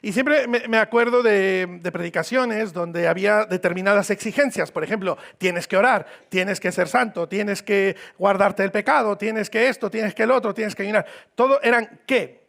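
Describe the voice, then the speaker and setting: Man, Mexican accent, sermon, gravelly, casual and joking, repeats himself. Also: sits high, moderate pace, hardly any pauses, a bit bright. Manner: informal, joking, repeats phrases for emphasis. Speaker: visiting pastor. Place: church hall.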